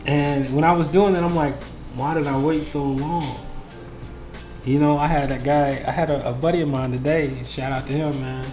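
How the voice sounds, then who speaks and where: A man with a slightly high voice hosts a laid-back chat. His talk is slangy and familiar, like speaking to buddies. The room echoes and music plays behind him. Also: steady tone, moderate pace, darkish tone. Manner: slangy and conversational, buddy-like phrasing. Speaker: interviewer and host. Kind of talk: casual chat interview. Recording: roomy echo with music behind.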